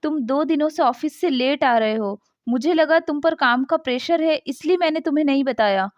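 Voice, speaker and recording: A woman's voice: sits high, moderate pace, no echo, close to an everyday voice. A woman voicing a caring young wife who is emotional and concerned for her family. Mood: worried. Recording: dull dry lo-fi sound.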